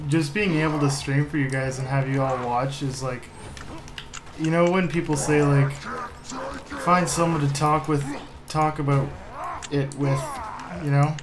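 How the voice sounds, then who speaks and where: A young man hosts a game stream, chatting casually in a downbeat, self-deprecating way. His voice sits on the high side with fairly even intonation, a measured pace and long pauses, over a noisy room with typing in the background.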